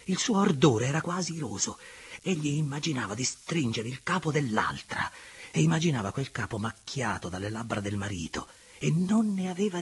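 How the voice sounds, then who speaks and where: A man narrating a classic novel aloud in an expressive, hushed storytelling manner. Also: medium pitch, slightly rough. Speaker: audiobook reader. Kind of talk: dramatic literary narration.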